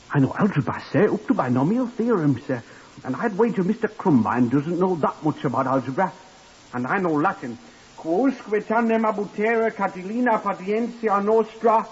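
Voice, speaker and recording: A man's voice: sits high, expressive, moderate pace, husky, heavily acted. An eager lift boy. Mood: eager, deferential. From Blackpool, Lancashire. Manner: deferential, ends nearly every phrase with "sir". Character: eager simple-minded young male hotel lift attendant. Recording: hissy, dull 1950s radio broadcast.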